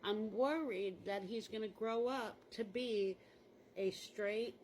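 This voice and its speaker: A woman's voice: medium pitch, takes it slowly, darkish tone, slight background noise, poor audio. A mother talking candidly in a rambling, casual monologue, full of "like" fillers, while changing clothes.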